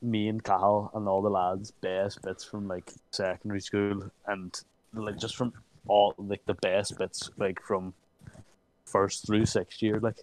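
A man's voice: lowish voice, level tone, unhurried, poor audio. A young man, reminiscing in a casual chat, with lots of fillers.

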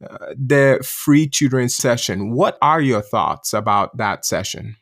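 A man's voice: mid-range voice, lively intonation, unhurried, fairly bright tone. A man hosting a podcast, asking his guest questions in a friendly, upbeat, casual way. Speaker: podcast host. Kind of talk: casual interview.

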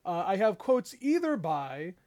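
A man with a high, sing-song, darkish voice speaks unhurriedly as he hosts a casual podcast chat and runs a quiz game. He's loose and joking, laughing often as he talks.

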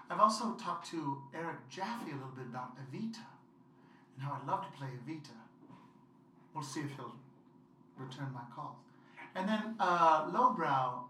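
A woman guest in a casual interview, playful and laughing, who acts out quotes loudly. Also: sits low, a little hiss or hum. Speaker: guest performer. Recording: echoey room from far off.

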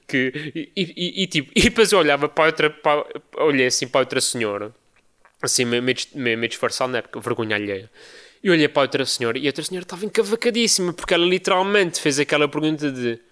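A young man with a European Portuguese accent, hosting a podcast and telling a story casually, mimicking people he describes. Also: quick pace. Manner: animated storytelling, mimics others in high voices. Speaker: podcast host.

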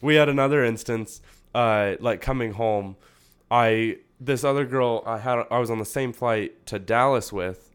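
A man's voice: mid-range voice, unhurried, clear, resonant tone. A young man co-hosting a podcast, telling a story in casual chat with lots of fillers and quoted asides. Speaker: podcast co-host.

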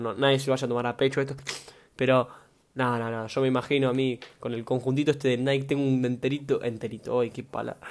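Rambling young Argentine podcast host. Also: male voice, medium pitch, darkish tone. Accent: Argentine Rioplatense. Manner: rambling, repeats words, slangy and joking. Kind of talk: casual solo podcast chat.

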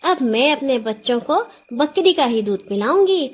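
A woman's voice: high-pitched, animated, breathy edge. A woman voicing a cheerful, doting peasant wife who exclaims and calls out to servants. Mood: delighted. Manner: bright exclaiming, calling out to servants.

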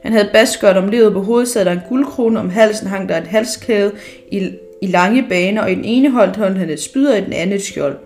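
A woman reading a children's story aloud in a lively way, often tripping over words and restarting. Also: mid-range voice. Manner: lively read-aloud with frequent slips and restarts.

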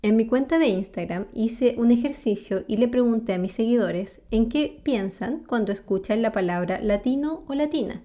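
Talking to camera, a woman from Chile whose first language is Spanish explains ideas warmly, with a Chilean accent. This vlogger often poses questions to the listener and laughs between points, speaking at a moderate pace with few pauses in a fairly high, warm voice.

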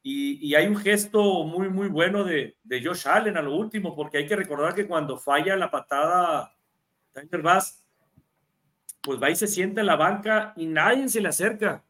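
A man's voice: high voice, moderate pace, a bit bright. A man with a Mexican Spanish accent, co-hosting a casual NFL talk show, chatty and given to repeating words as he restarts. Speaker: NFL podcast co-host. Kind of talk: casual sports analysis chat.

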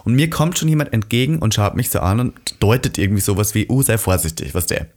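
A man tells a story on a podcast with a sassy, animated delivery. His voice sits on the low side, and he rushes along at a quick pace. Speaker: podcast co-host. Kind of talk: casual chat, storytelling.

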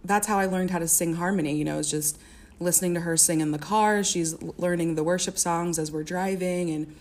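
A woman's voice: on the low side, fairly even intonation, fairly quick, a little mellow. A young woman from the American Midwest, a singer and music therapist, chatting as a podcast guest with many fillers and restarts. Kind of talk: casual interview.

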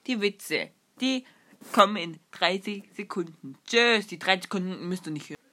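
Bossy, bright-voiced young female podcast host. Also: mid-range voice, lively intonation, normal speed. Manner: bossy, giggly, swings between shouting and whispering. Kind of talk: playful sketch podcast.

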